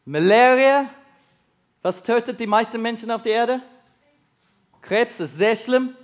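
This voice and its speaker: His pitch is extremely high as he gives a sermon to his congregation, questioning those listening. He is a South African native English speaker with a matching accent, and his German is halting and clearly not native.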